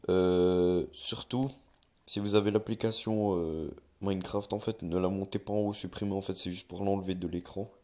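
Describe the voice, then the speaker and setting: Young male tutorial maker, deep low voice, casual and rambling with lots of fillers. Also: fairly even intonation, a little fast, few pauses, a little mellow. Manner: rambling, many fillers and self-corrections. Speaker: YouTuber giving a tutorial. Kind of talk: casual screen-recorded tutorial.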